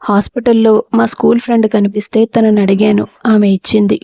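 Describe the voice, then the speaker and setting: A woman's voice: mid-range voice, level tone, fairly quick, gravelly, warm tone, no echo. A woman voicing a hurt young wife and mother who speaks reproachfully. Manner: tearful, reproachful.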